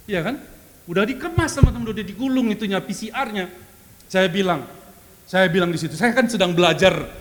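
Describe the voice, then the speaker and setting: A man preaches a testimony sermon in a high, very lively voice, often repeating himself and laughing. His voice carries a long reverb from a large hall. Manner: animated storytelling, repeats phrases, laughs often.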